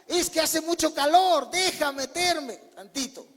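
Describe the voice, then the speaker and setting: Sly camel, as a preacher puts him on. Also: male voice, extremely high pitch, measured pace, a bit bright, in a large hall, voice pushed up. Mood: pleading. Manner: pleading, then coldly smug. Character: sly male camel taking over a tent.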